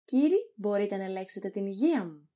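A grumpy old hypochondriac master, fussy and demanding, as a woman reads his lines. The voice is soft and husky, with a lively pitch that climbs when he is crossed. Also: lightly acted.

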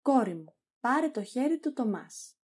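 A grumpy old hypochondriac master, fussy and demanding, as a woman reads his lines. The voice is soft and husky, with a lively pitch that climbs when he is crossed.

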